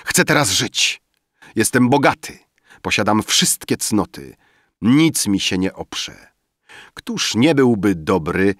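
An actor playing a drunken young man who shouts and boasts wildly about his sudden wealth in an audiobook reading. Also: fairly low pitch, no room sound, studio quality, full character voice.

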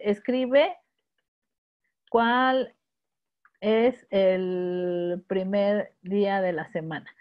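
A Mexican woman walks her audience through a live webinar one step at a time, patiently checking in with a quick "ok?". Her voice sits at a middle pitch for a woman. It comes through a video call with dull, lo-fi sound. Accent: Mexican Spanish. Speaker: instructor.

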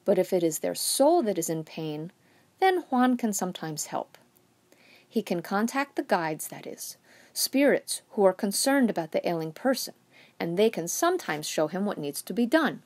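A woman's voice: mid-range voice, big pitch swings, normal speed, a little mellow. A woman reading aloud voices a devout, worried grandmother who speaks emphatic. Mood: explaining. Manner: emphatic, scolding, fond.

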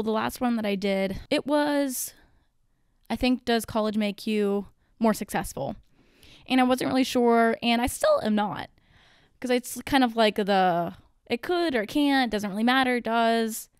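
A young woman in her twenties talks through a solo podcast episode in a loose, rambling way, full of "like" and the occasional swear. She sounds a little out of breath. Her voice is smooth and clear, recorded close and dry with no room sound. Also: medium pitch, dry recording. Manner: chatty and rambling, with many fillers and casual swearing. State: out of breath from caffeine. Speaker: podcast host. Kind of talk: casual solo podcast monologue.

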